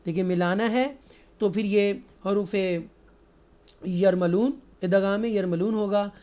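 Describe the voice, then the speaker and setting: A man teaching tajweed, reciting verses in a very slow, drawn-out chant. Between verses he explains the rules in a quicker, everyday teaching voice. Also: sits high, a little mellow. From Pakistan.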